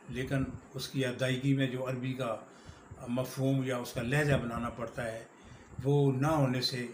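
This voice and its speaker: Male prayer teacher, measured explainer turning to slow chanted recitation; roomy sound with faint room noise. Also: mid-range voice. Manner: explains plainly, then recites Arabic slowly and melodically. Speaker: religious teacher.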